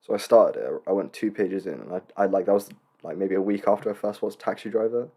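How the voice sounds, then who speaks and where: A man hosts a solo podcast in a loose, casual monologue. His voice sits on the low side, and he rambles with frequent restarts and jokey asides. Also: fast talker, mellow, husky. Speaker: podcast host.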